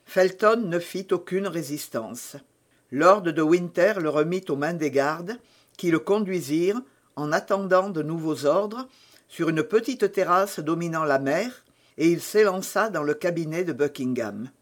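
A man narrating a classic novel as an audiobook in a measured, deliberate way. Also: on the high side.

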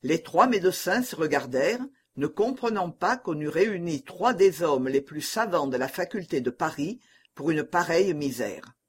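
A man narrating a classic novel as an audiobook in a measured, even way. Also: a little high, husky.

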